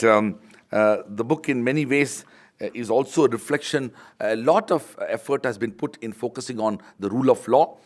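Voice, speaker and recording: A middle-aged university vice chancellor, a native Tamil speaker with an Indian English accent, delivers a formal speech at a book launch. His medium-pitched voice carries measured academic phrasing with frequent pauses.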